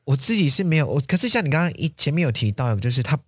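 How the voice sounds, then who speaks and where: A man co-hosts a relaxed podcast chat, reacting to his partner's story and adding his own. His intonation swings widely. The recording is dry and close. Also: a little high, racing, slightly rough, no echo. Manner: attentive listener who chimes in with reactions. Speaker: podcast co-host. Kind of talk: casual chat.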